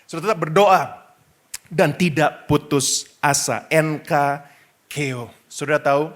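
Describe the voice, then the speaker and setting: A middle-aged man preaching a lively sermon, often turning to address the congregation directly. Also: fairly high pitch, a little slow. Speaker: pastor. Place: church stage before a congregation.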